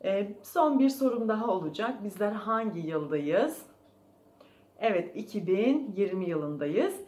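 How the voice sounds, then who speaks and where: A preschool teacher reading a storybook aloud to young children, gently asking them questions, recorded in an echoey room. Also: female voice, medium pitch, expressive, measured pace.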